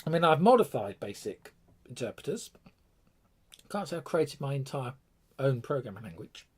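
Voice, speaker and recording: A man's voice: fairly high pitch, very animated, normal speed, slightly rough. A man with a British accent hosting a casual tech live stream, chatty and rambling, often breaking off with fillers and restarts.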